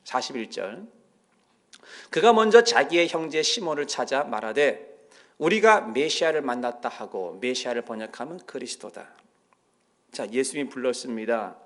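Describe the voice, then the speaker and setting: In a church sanctuary, a pastor with a mid-range voice preaches at a moderate pace. He tells his stories in an animated way, acting out the voices of those in them.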